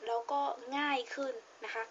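A woman's voice: a bit bright, dull audio, a little hiss or hum. A young woman with a Thai accent teaching a reading lesson, patiently repeating her points and stressing words as she reads aloud. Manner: patient, repeats points with frequent polite particles; reads English passage slowly with stressed words. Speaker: English teacher.

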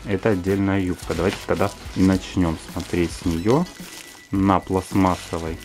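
Low-voiced man doing casual unboxing commentary. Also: fairly even intonation, normal speed, darkish tone, faint music behind. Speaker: doll reviewer, unboxing host.

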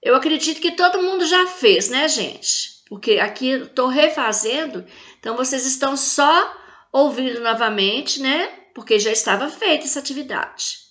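A woman's voice: sits high, lively intonation, fairly bright tone. A woman from Brazil with a Brazilian accent, teaching a recorded class lesson, stressing syllables and asking pupils rhetorical questions. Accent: Brazilian Portuguese. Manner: slow, spells out and stresses syllables.

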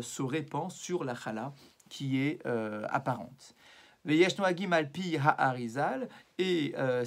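A man teaches an evening religious lesson as a rabbi, in a voice of ordinary middle pitch. He explains step by step, checks in with his listeners, and slips Hebrew passages in among his hesitant, thoughtful phrasing. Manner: explanatory, weaves Hebrew passages into French, frequent "euh" and "d'accord".

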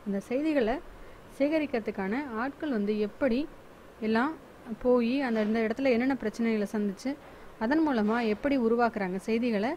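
Female teacher, fairly high voice, talkative and repetitive, faint noise under the recording. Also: normal speed, a little mellow, poor audio. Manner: chatty and repetitive, restarts words often. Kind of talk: explaining a school lesson.

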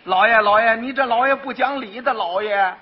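A brash quack doctor, as a man puts him on with a Beijing accent talks up his cures in boastful patter. The voice sits high and husky. The recording is old and muffled. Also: animated, a little slow, heavily acted. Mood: indignant. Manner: hawking, boastful sales patter. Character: brash male quack doctor, smooth-talking swindler. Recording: dull lo-fi archive recording.

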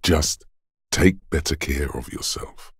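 Heavily acted and extremely low, this husky male voice serves as the somber inner voice of a beaten-up detective's body in a video game. The voice actor speaks scripted second-person lines with a thick gravelly rasp, stoic and measured, placing each one with care. It's studio-quality audio with no room sound.

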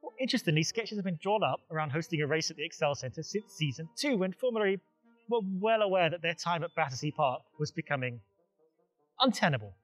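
Young male presenter, on-location explainer, higher voice, wry, faint music bed. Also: lively intonation, fast talker, no room sound. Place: outdoors by a waterfront and an exhibition centre.

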